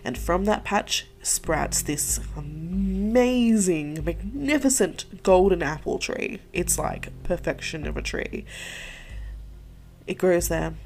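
A woman's voice: lowish voice, vocal fry, darkish tone. A woman podcast host retelling a folktale in a chatty, profane way, full of "like" and side remarks. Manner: profane, chatty, many likes and asides. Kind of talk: casual storytelling.

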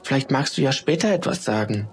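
A man doing a calm, earnest little girl. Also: medium pitch, fairly quick, slight background noise, lightly acted.

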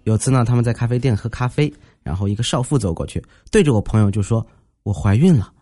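Over faint background music, a man hosts a comic storytelling podcast, chatting and joking through funny everyday anecdotes and voicing the quotes himself. He speaks fast in a mellow, mid-range voice.

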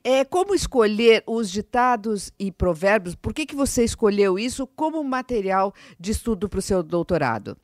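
A woman's voice: mid-range voice, animated, moderate pace, few pauses, a little mellow, no room sound, clean studio sound. A woman co-hosting a podcast, friendly, moving between reading a scripted introduction and chatting with the guest. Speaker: podcast co-host. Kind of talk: podcast interview.

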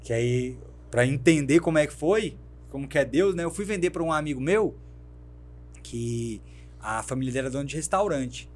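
A man from Brazil, founder of a fashion brand, appears as an interview guest recounting his life. His voice is mid-range and his pace moderate, and he brings the story alive by acting out the voices and dialogue of the people in it.

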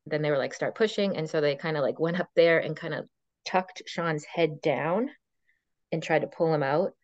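A woman in her thirties with a low voice tells a long story in casual chat, full of fillers and other people's quoted words. The recording is dry and a bit dull. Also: fairly even intonation, normal speed, dry recording. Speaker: podcast guest.

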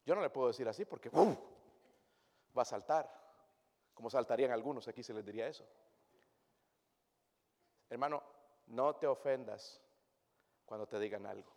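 A man's voice: medium pitch, moderate pace, pauses often. Man preaching in an echoing church hall. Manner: swings from hushed intimate tones to loud emphatic preaching; addresses the congregation directly as brothers and sisters. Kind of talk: sermon. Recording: long reverb of a church hall.

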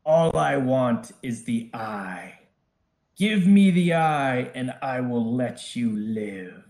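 Guy doing a booming menacing dragon calling out from inside a tower, slow and bossy, echoey room. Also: very animated, a little mellow. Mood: menacing, bargaining. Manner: slow, commanding, threatening. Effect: booming voice carrying from inside a tower. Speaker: game master.

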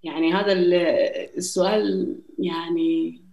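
A woman's voice: fairly low pitch, fairly even intonation, moderate pace, creaky, darkish tone, muffled recording. A young woman with a Palestinian Arabic accent talks casually and personally as an interview guest. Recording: roomy echo.

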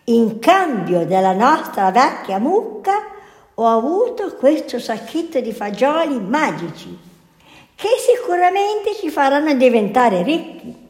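A woman's voice: sits high, sing-song, unhurried, darkish tone. A woman voicing a trusting young peasant boy in a fairy tale she reads aloud. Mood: proud. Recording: echoey hall.

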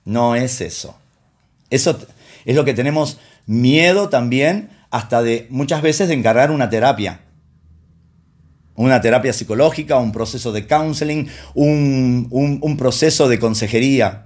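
A man's voice: mid-range voice, moderate pace, darkish tone. A man who preaches like he is chatting. His voice sits in a middle register. He tells stories from his counseling sessions and acts out the voices of the people he quotes. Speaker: pastor and counselor. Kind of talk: sermon with personal anecdotes.

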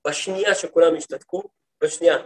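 A man with a fairly high voice teaches a class as a rabbi. He tells his stories in a lively way, playing out the lines of the people in them, and he keeps turning to his listeners with questions. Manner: lively storytelling, acts out quoted speech. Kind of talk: lecture to a women's study group.

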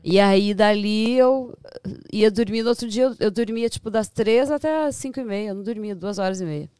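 A woman from Brazil with a Brazilian Portuguese accent, a podcast guest telling stories in a lively, animated way. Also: medium pitch, moderate pace, clear, resonant tone, no room sound. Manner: lively storyteller who acts out voices and laughs often. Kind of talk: casual storytelling chat. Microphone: studio podcast mic.

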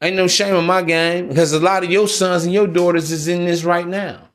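An American podcast host with a high, steady, fairly quick and slightly bright voice. He delivers a blunt, informal monologue to his listeners, full of slang and preaching, hammering points home by repeating himself.

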